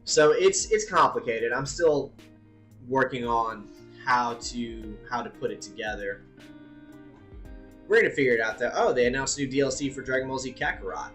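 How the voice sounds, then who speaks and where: A man hosts a live stream, chatting casually and thinking out loud, now and then dropping a swear word. He has a mid-range voice at normal speed, with soft background music playing.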